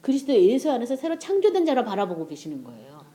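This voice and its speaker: Animated woman preaching, mellow voice. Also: on the high side, quick pace. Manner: conversational preaching, often asking "그렇죠?". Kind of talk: sermon.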